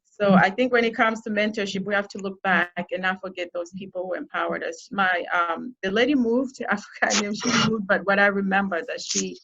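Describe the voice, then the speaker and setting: A woman's voice: medium pitch, fairly quick, vocal fry, hardly any pauses, a bit bright, highs cut off. A woman guest speaker from Zambia giving an earnest, encouraging talk to a youth group. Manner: earnest, encouraging, with frequent restarts.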